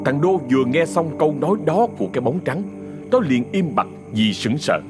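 A man narrating an audio ghost story in an expressive, dramatic storytelling manner. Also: fairly high pitch, brisk, over loud music.

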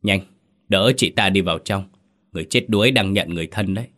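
A man's voice: low-pitched, fast talker, fairly bright tone. Man doing a grave old village shaman. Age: older. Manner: grave, solemn.

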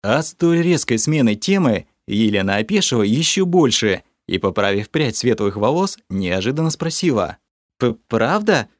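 A man reading a first-person audiobook in an animated storytelling manner. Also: on the low side, normal speed, few pauses, dry recording, studio quality. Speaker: audiobook narrator.

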